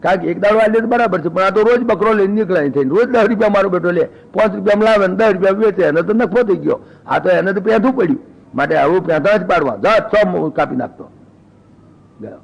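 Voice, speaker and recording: An older man gives a spiritual discourse, recounting a folk story and voicing its characters in homely dialogue. His high voice is fast and gravelly, and the recording has its highs cut off.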